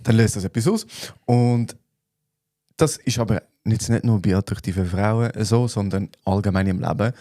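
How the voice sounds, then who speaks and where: Mellow Swiss German man, unhurried chat. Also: on the low side, no echo, studio quality. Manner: relaxed, thinks aloud with fillers. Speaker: podcast co-host. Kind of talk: casual chat.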